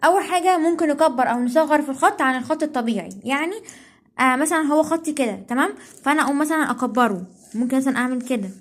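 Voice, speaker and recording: Rapid-fire Egyptian woman tutor. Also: high-pitched. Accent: Egyptian Arabic. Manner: rapid, checks in with "okay?" constantly, self-correcting. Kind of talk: casual study tips while writing.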